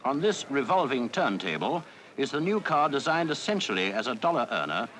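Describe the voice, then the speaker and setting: A man's voice: mid-range voice, very animated, a little fast, fairly bright tone, a little hiss or hum. A man giving jaunty, chatty commentary as a 1948 newsreel voice-over. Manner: jaunty, chatty tour-guide delivery. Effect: old newsreel voice-over.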